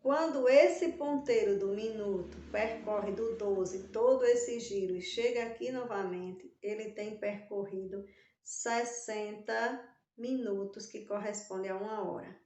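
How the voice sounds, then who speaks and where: A Brazilian primary school teacher leads a recorded lesson for young children, stretching out syllables and putting a sing-song stress on key words. She has a Brazilian Portuguese accent and a mellow, medium-pitched voice, speaking at a measured pace with hardly any pauses. The room is echoey.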